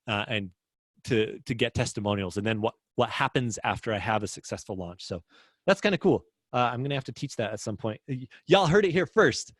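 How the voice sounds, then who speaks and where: Male business coach, mid-pitched, chatty and upbeat, dry close sound, casual livestream teaching. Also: dry recording. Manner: chatty, upbeat, reads viewer comments aloud.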